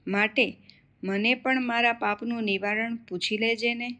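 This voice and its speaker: A woman's voice: on the high side, fairly even intonation, a little slow, pushed and bright, dull audio. A woman voicing a talking mango tree that confides its sorrow in a devotional story. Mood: plaintive. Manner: plaintive, confiding.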